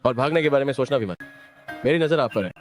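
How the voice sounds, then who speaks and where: A man dubbing a cold debt collector who makes measured threats. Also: mid-range voice, animated, lightly acted. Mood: menacing. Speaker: dubbed actor. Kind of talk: dubbed short-drama acting. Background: background music.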